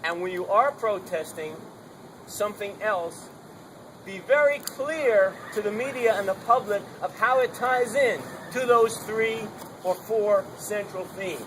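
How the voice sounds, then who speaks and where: A man speaks a little slowly in a high-pitched, strong, projecting voice, delivering an unamplified open-mic speech at an outdoor protest gathering. He urges the crowd emphatically and repeats himself to drive his points home, in a noisy outdoor recording.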